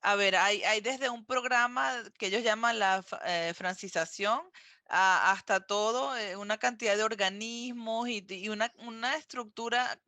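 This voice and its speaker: A man's voice: high-pitched, a little slow, bright, forceful tone, no room sound, studio quality. A man co-hosting a podcast, speaking hesitantly with many fillers and repeated words. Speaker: podcast co-host, immigrant in Montreal. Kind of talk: casual podcast chat.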